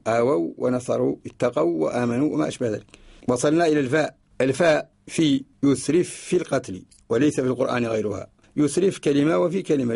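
A man with a Mauritanian Arabic accent giving a radio lesson, slowly recites each example and repeats it word by word to explain it. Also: mid-range voice, gravelly, a little mellow, slightly rough. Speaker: teacher of Quranic orthography. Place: radio studio.

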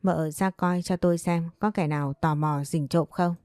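A woman reads as a shrewd village herb doctor, grave and measured, with a low, mellow tone and a dry, close sound. He weighs every word as he gives his warnings. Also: fairly even intonation, dry recording, lightly acted. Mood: grave, advising.

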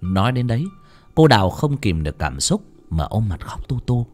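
Male audiobook narrator, dramatic and very animated. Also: fairly low pitch, normal speed, faint music behind. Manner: dramatic, expressive storytelling. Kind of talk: storytelling narration.

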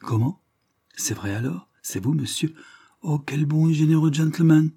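A man's voice: on the high side, normal speed, vocal fry, warm tone, husky, voice pushed up. A man voicing a sly, lying old peasant widow who whines and pleads. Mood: whining pleading.

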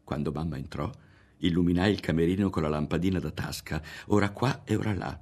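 A man's voice: low-pitched, brisk, darkish tone. A man with an Italian accent, an audiobook reader, giving a theatrical literary reading. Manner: theatrical, dramatic, varied delivery.

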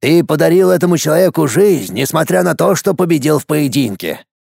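A man voicing an old grey-haired shaman who speaks in a solemn, measured way. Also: on the high side, lively intonation, gravelly, a little mellow, breathy edge, no echo, clean studio sound, exaggerated voice.

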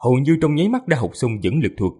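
This man narrates an audiobook at a quick pace with a medium pitch and a slightly husky tone. His storytelling is steady yet expressive, his voice moving up and down widely.

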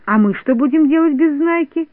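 A man's voice: extremely high pitch, lively intonation, normal speed, no echo, phone-quality sound, pitched above the performer's own voice. A man voicing a timid little boy who asks anxious questions. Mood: worried.

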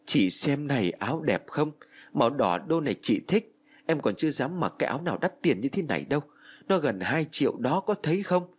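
A desperate young woman begs and insists in this audiobook story, as a male narrator puts her on. The voice sits higher than his own, husky and breathy, and it swoops widely in pitch. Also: expressive, normal speed, few pauses, close to an everyday voice. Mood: pleading. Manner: pleading, insistent.

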